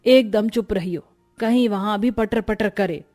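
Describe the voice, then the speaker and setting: A woman's voice: medium pitch, measured pace, warm tone, faint music behind, close to an everyday voice. Woman voicing a lecturing worried mother. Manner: lecturing, teasing. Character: worried, teasing middle-aged mother of the bride.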